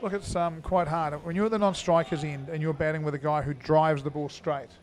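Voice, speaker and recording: A man giving live commentary on an indoor cricket match, chatty and full of fillers, now and then breaking into loud greetings to viewers. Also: a little high, fairly even intonation, fairly quick.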